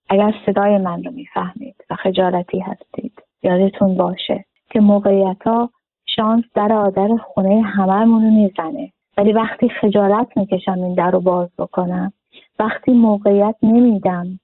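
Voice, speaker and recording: A woman's voice: mid-range voice, dry recording. Earnest woman teacher over a phone-like line. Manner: earnest, rhetorical questions, acts out short dialogues. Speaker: spiritual teacher and counselor. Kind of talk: self-help lesson to camera. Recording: dry, phone-like narrow sound.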